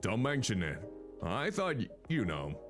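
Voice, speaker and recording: A man's voice: fairly low pitch, huge pitch swings, a little slow, fairly bright tone, faint music behind, full character voice. A man voicing a friendly barista. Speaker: streamer.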